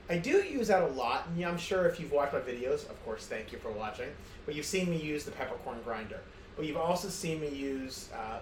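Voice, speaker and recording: A man's voice: medium pitch, fairly bright tone. Rambling, self-amused man in an echoey kitchen. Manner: rambling, self-amused, many fillers and restarts. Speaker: home cooking show host. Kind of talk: casual cooking demonstration. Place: home kitchen. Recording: roomy kitchen with faint ambient noise.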